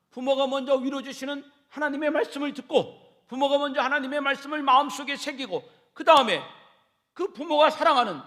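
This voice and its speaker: Man, middle-aged pastor, high-pitched voice, impassioned sermon, repeats his phrases, builds to shouting. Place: church sanctuary.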